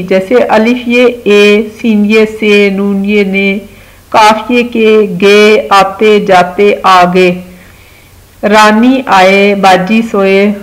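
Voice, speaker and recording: A woman teaching children a phonics lesson, speaking slowly and patiently as she drills words. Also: on the high side, rough recording. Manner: slow, patient, drawn-out word drills.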